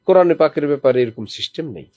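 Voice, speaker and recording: A man's voice: on the high side, expressive, fast talker, dark tone, dry recording, clean studio sound. A man preaching a sermon to a small gathering, reciting verses as examples and putting questions to his listeners. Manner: teaching with recited Quranic examples. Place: lodging during a visit to a holy city.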